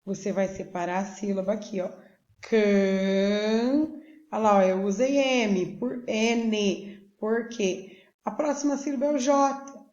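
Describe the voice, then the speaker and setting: Slow, patient Brazilian woman teacher. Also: medium pitch, darkish tone. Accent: Brazilian Portuguese. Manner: slow, patient, checks in with "tá joia?". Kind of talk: recorded remote school lesson. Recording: echoey room, dull lo-fi sound.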